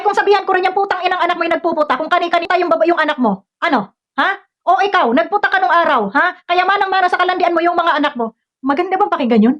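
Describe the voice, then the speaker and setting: On a dull, lo-fi recording, a woman goes on a confrontational rant aimed at a commenter, scolding and firing off one rhetorical question after another. Her pitch is extremely high, and her tone a little bright.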